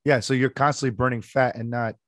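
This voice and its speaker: Hoarse male podcast co-host, dry close sound. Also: medium pitch, steady tone, brisk, no room sound. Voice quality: worn, hoarse voice. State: hoarse, lost his voice to illness. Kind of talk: casual chat.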